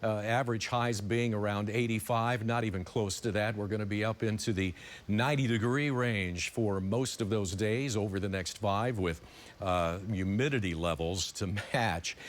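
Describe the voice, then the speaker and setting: A man's voice: on the low side, moderate pace. A man presenting news and weather in a conversational broadcast style.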